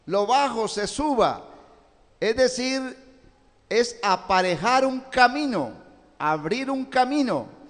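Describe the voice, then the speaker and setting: A man preaching a sermon as a pastor, speaking slowly and deliberately and swelling louder when he reads scripture aloud. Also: high-pitched. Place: church sanctuary. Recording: long church reverb, live stream.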